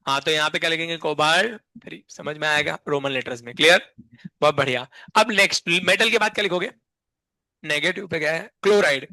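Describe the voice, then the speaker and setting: High, bright-voiced chemistry teacher drilling class. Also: male voice, fairly quick, no room sound. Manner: constantly quizzes the class with repeated questions; drills mnemonics in a playful sing-song. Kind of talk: classroom lecture.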